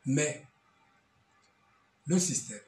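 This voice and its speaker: A middle-aged man from Belgium, a guest speaking earnestly in an interview, halting and repeating words as he searches for them. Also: a little high, expressive, mellow, slight background noise. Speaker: guest, association representative. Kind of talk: earnest testimony in a talk show interview.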